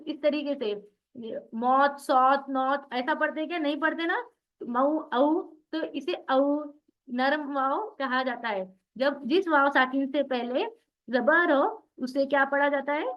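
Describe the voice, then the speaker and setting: High-voiced woman drilling tajweed syllables. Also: highs cut off. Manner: asks questions and answers them herself; drills syllables slowly, one by one. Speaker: Quran recitation teacher. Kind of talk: online tajweed class.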